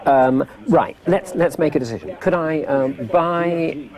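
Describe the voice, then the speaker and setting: A man places trades over the phone in a hesitant, flustered manner, apologizing and stalling over his words. His voice sits mid-range. The chatter of a busy room is clearly audible behind him. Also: a little high, measured pace. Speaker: trainee trader. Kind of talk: phone call.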